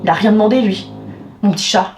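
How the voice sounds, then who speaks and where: A woman's voice: medium pitch, fast talker, a little mellow. A woman vlogger venting to her viewers in a casual, exasperated way, with theatrical outbursts and swearing. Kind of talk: venting to camera, casual vlog. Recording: echoey room with faint music.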